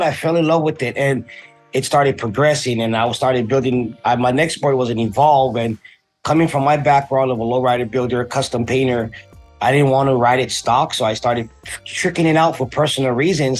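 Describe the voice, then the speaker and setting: Man, from Hawaii, interview guest, laid-back slangy storytelling, average pitch, faint background music. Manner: laid-back and slangy, drifting through stories with many fillers. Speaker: guest, custom painter and tattoo artist.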